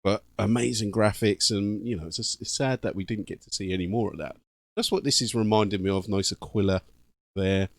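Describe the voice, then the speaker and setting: A man's voice: on the low side, a little fast, dry recording. British man giving casual reaction commentary. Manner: informal, slangy. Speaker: YouTube gaming channel host.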